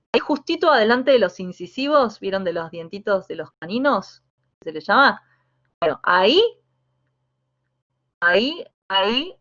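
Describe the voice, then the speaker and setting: A woman with a Rioplatense Spanish accent, teaching a voice workshop as a coach, talking in a lively, demonstrative way with many fillers and restarts. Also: medium pitch, highs cut off. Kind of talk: online workshop lesson. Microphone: video call.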